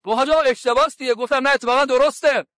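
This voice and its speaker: A man's voice: very high-pitched, steady tone, fairly bright tone, dry recording. A man who is a cleric, giving a sermon in a colloquial way, retelling conversations with quoted lines from around Qom. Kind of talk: sermon with anecdotes.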